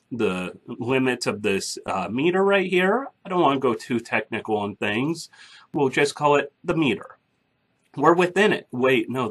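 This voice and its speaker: Husky-voiced man giving a slow, lively tutorial. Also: medium pitch. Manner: chatty and blunt, explaining step by step. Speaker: podcasting tutorial host. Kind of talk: casual screen-recorded tutorial. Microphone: microphone through a soundboard.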